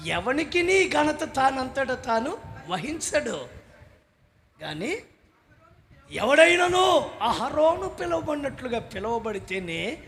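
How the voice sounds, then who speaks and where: High-voiced Telugu pastor preaching loudly. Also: male voice, vocal fry, a little hiss or hum. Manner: preaches loudly, swinging into shouted lines. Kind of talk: sermon. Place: church stage.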